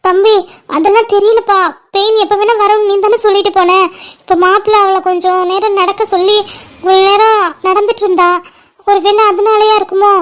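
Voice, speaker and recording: A woman's voice: extremely high pitch, flat delivery, fairly quick. A woman voicing a flustered middle-aged mother who frets and exclaims in worry in a cartoon. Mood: fretful. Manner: fretful, exclaiming. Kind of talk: cartoon voice acting.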